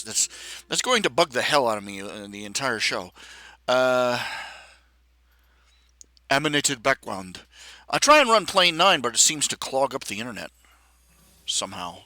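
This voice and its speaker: A mid-range voice belongs to this man in his forties, who chats on a live stream while fiddling with software. He rambles along casually, grumbling in a self-deprecating way.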